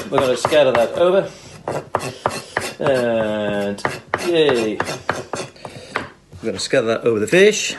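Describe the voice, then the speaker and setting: A British man casually talking through his cooking in a chirpy, enthusiastic way, full of tag questions and little asides, recorded at home on a phone. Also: on the low side. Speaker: home cook presenting a recipe video. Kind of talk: casual chat while cooking. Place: home kitchen, filmed on a phone. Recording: clear background noise, kitchen clatter.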